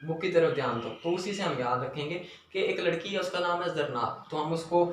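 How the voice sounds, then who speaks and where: A man teaching a lesson. He repeats memory phrases slowly and drills them. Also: a little high. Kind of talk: classroom lesson with memory tricks. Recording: very echoey room, voice from a distance, faint noise.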